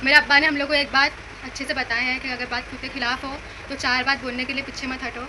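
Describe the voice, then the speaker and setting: A young woman chatting casually in a family vlog, animated and laughing as she tells stories about her sisters. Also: sits high, fast, background noise. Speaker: vlogger, eldest sister.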